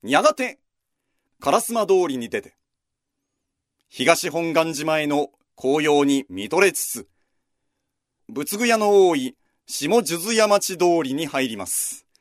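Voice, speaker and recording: A man hosting a history program narrates a walking route in a lively, conversational storytelling style, scripted but with casual asides. His voice is mid-range, recorded with clean studio sound and no room sound.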